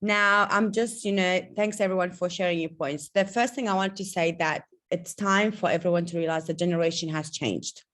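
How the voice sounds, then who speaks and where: A woman's voice: fairly low pitch, steady tone, moderate pace, hardly any pauses, fairly bright tone. A woman in her thirties, originally from Iraq, speaking emphatically and confidently on an online video call panel. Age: 30s. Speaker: guest participant.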